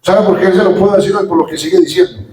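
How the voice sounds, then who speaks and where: Pastor preaching in an echoey hall. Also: male voice, high-pitched, fairly even intonation, quick pace. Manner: preaching with sudden rises and drops in loudness, quoting scripture. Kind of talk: Pentecostal sermon. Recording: echoey room from far off.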